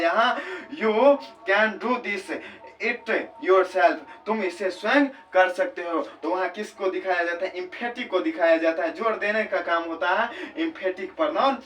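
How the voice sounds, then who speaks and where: A man teaching English grammar in Hindi, explaining step by step, asking questions and answering them himself, and reading English examples slowly. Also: high-pitched, a bit bright, distant mic. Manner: reads English sentences slowly and deliberately.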